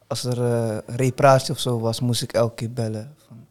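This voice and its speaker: A man's voice: mid-range voice, level tone, moderate pace, darkish tone. A young male student speaking hesitantly about his internship, searching for words. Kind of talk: casual chat.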